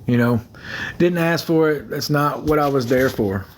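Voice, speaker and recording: A young man with a medium-pitched voice talks at normal speed while hosting a casual phone livestream. He rambles, repeats himself and thanks his viewers by name.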